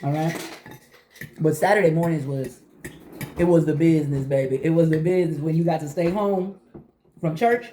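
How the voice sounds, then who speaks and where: A middle-aged woman chatting casually to viewers while eating, telling stories in an animated way and acting out conversations. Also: low voice, moderate pace, pauses often, slight background noise. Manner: talking while eating breakfast. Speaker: vlogger.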